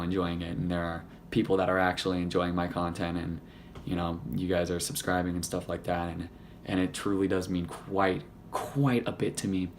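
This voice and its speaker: Young male YouTuber, hoarse with little voice left, low-pitched, loose and profane, slight room hum behind. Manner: rambling, profane and joking. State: hoarse, voice nearly gone. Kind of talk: casual gaming chat to camera.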